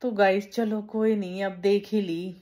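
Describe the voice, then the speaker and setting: A woman's voice: little pitch movement, a little slow, warm tone. A young woman vlogger chatting casually to her viewers, keeping her voice down at times. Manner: chatty, addresses viewers as bhai; lowers voice to avoid waking someone. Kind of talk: casual daily vlog chat.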